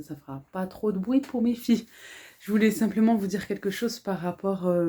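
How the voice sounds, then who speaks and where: A family vlogger from France, whose French carries a slight Arabic-influenced lilt from speaking Arabic at home, films a casual haul vlog in her home kitchen. She talks softly and earnestly in a hushed, fairly low voice so as not to wake her children, using many fillers.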